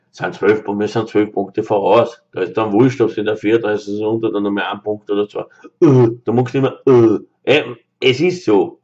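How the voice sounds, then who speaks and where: A man's voice: mid-range voice, darkish tone. Viennese man ranting into a lo-fi webcam. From Austria. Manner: emphatic, repeats points, many fillers. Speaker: football fan vlogger. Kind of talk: opinion monologue to camera. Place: small room indoors. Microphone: webcam close up. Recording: dull lo-fi webcam audio.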